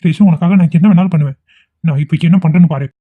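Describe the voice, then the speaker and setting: A man's voice: on the high side, steady tone, a little fast, lightly acted. A man voicing a scheming young man who is a jealous ex-lover, wheedling and theatrical in a cartoon. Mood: threatening. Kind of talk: amateur cartoon voice acting. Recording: tinny phone-like lo-fi audio.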